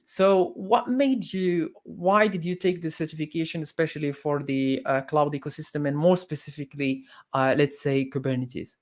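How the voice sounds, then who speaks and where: A man co-hosting an online panel, asking questions in a relaxed and encouraging way. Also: on the high side, normal speed, few pauses. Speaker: co-host. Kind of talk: casual online panel chat.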